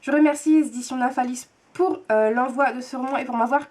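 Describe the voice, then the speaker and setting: Young woman, high voice, chatty book vlogger, lots of fillers and restarts. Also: steady tone, fast, a little mellow. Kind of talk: casual book haul chat.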